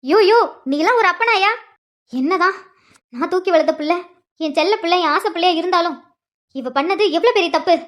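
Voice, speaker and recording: A woman doing a shrill, scolding cartoon mother. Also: expressive, fairly quick, a bit bright. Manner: scolding, indignant. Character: scolding middle-aged mother of the bride.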